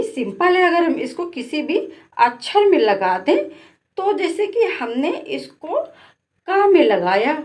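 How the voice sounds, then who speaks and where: A woman with a Hindi accent teaching children to read syllables, repeating each sound and asking it back. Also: high voice. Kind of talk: slow classroom lesson with call-and-response drilling.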